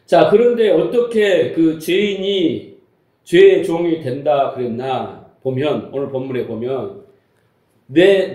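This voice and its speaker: A male pastor with a high but mellow voice delivers a Sunday sermon in an echoey church hall. He is emphatic and keeps putting rhetorical questions to his listeners, dropping now and then into blunt, casual speech. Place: church sanctuary.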